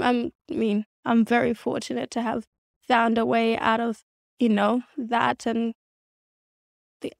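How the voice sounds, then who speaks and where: On the high side with vocal fry, this young adult woman from South Sudan, who grew up in Kenya and Australia, is an interview guest in a candid, conversational exchange. Reflective and earnest, she restarts often, captured in clean studio sound without echo.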